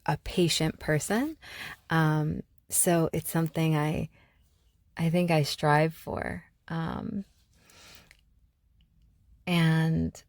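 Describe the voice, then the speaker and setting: Slow, low-voiced reflective woman host. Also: a little mellow, no echo, clean studio sound. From Algeria. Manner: thoughtful, searching, many pauses and restarts. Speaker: podcast host. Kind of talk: reflective solo podcast talk.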